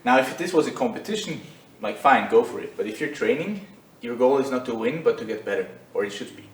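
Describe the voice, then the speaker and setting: A man's voice: medium pitch, lively intonation, a little fast, reverberant, distant mic, poor audio. A man teaching jiu-jitsu in a loose, conversational way while demonstrating on the mat. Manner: loose and conversational, many fillers. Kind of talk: casual instructional demo.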